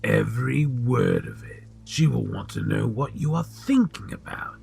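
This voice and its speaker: In an audio drama, a man plays a sly, sinister old potion seller, speaking deliberately and insinuatingly. His voice is gravelly and husky yet a little mellow, medium-pitched, and expressive.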